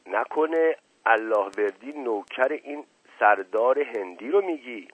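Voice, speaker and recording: A man voicing a folksy old male servant with a slow, drawling, homespun way of talking. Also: medium pitch, animated, breathy edge, no room sound. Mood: wondering. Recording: tinny phone-like, dry.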